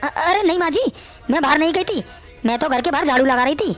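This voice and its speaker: A woman's voice: high-pitched, expressive, fast talker, soft background music. A woman voicing an outspoken young daughter-in-law who answers back in a cartoon story. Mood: defensive. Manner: pleading, then pert back-talk.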